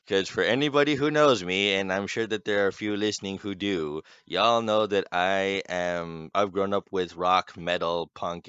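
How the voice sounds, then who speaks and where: Young man, very deep resonant smooth voice, laughs a lot, casual podcast chat, slightly muffled dry sound. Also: dry recording. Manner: animated, laughs often. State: just-woken morning voice. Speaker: podcast guest. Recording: slightly dull dry recording.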